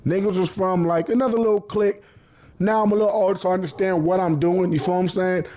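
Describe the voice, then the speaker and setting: A man's voice: high-pitched, fairly even intonation, fast talker, dark tone. A man hosting a podcast, telling stories in casual street slang with plenty of profanity and frequent laughter. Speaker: podcast host. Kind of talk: casual storytelling.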